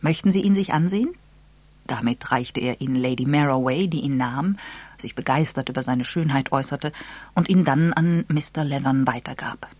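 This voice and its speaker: A storyteller reading a novel aloud with even, measured pacing. The voice has a soft, slightly breathy texture and mid pitch. It is recorded close and dry, with no room around it. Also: dry recording. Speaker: narrator. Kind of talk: audiobook narration.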